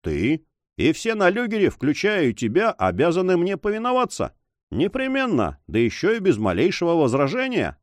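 A man's voice: on the high side, huge pitch swings, normal speed, no room sound, pitched above the performer's own voice. A man doing a blunt, burly sailor. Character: sly, burly obedient sailor.

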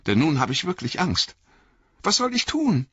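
A man's voice: on the high side, wildly swooping pitch, normal speed, a bit bright, slightly rough, no room sound, voice pushed up, heavily acted. A man voicing a frightened young male hobbit who talks in a pleading, agitated, raised voice, in an audiobook reading. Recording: dull lo-fi audiobook recording.

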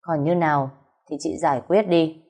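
A woman voicing a calm, measured older mother-in-law in an audio story. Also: deep voice.

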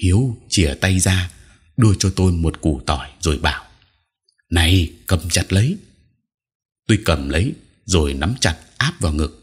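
A man narrating a scripted spooky story in a steady, measured way. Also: sits low, breathy edge.

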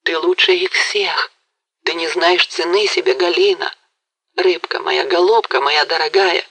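A woman's voice: low-pitched, a little slow, fairly bright tone, slightly rough, no echo, heavily acted, low-quality recording. A woman voicing a passionate young man who speaks fervently and makes vows in an audiobook. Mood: ardent. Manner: fervent, vowing. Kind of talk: audiobook character reading.

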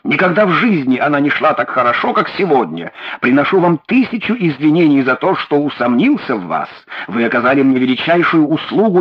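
A man voicing an agitated middle-aged colonel who exclaims in excitement, in an audiobook reading. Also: fairly high pitch, slightly rough, lo-fi sound.

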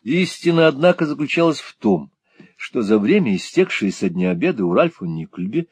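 Male audiobook narrator, lively expressive pitch, dry close-mic studio sound. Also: moderate pace, slightly rough, no room sound. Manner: expressive, theatrical reading.

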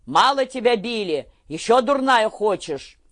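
A man reading an audiobook, voicing a sick, bitter, short-tempered old peasant father who shouts gruffly in folk dialect. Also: a little high, fairly even intonation, measured pace, no echo, studio quality, lightly acted. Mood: angry shouting.

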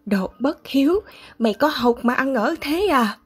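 A woman reading aloud voices a sharp-tongued older mother who scolds her son harshly, with a husky voice. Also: high voice, lively intonation, unhurried, faint music behind, full character voice. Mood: scolding.

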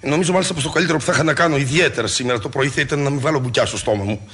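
A fretful hypochondriac husband. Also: male voice, medium pitch, fairly bright tone, slightly rough. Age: 40s. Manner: fretful, comic, exclaiming. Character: anxious hypochondriac husband in his forties. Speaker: actor. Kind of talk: 1960s radio play acting.

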